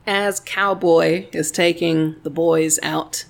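A woman's voice: low-pitched, fairly even intonation, slow, gravelly. A woman with a Southern US accent co-hosting a podcast in casual, chatty talk, laughing often and swearing casually. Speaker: podcast co-host. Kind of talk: casual chat.

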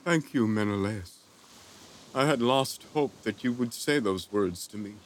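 A man's voice: on the low side, unhurried, slight background noise, lightly acted. An actor playing an anguished king torn over his daughter, in a declamatory, grief-stricken stage delivery for an audio drama. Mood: resigned.

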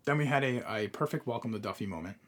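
A man in easy podcast chat, going on at length about a TV episode. His pitch rides up and down with real life as he makes his points. He swears casually and keeps circling back to his idea. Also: lively intonation, quick pace, a bit bright. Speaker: podcast co-host.

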